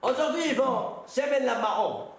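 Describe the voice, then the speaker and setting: A man's voice: very high-pitched, normal speed, vocal fry. A man, a rabbi, giving an informal religious lesson, telling stories and putting questions to his listeners. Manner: conversational storytelling, questions the audience. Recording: very echoey room.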